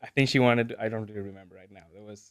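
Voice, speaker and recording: Smooth-voiced young man, hesitant. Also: on the low side, fairly even intonation, very fast, fairly bright tone. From Venezuela. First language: Spanish. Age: 20s. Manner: hesitant, many fillers, laughs easily. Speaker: guest. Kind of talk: casual interview talk.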